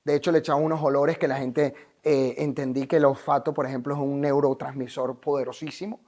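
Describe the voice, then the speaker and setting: A man's voice: mid-range voice, little pitch movement, fairly quick, a little mellow. A man with a Venezuelan accent speaks as an interview guest, with his voice sitting in a middle range. He sounds earnest and emphatic, with the upbeat drive of a motivational coach. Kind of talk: interview storytelling.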